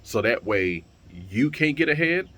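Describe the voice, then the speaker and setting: A man's voice: medium pitch, expressive, a little slow, fairly bright tone. A young man talking straight to camera in a casual vlog, blunt and heated, swearing freely and stumbling over repeated words. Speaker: vlogger and streamer.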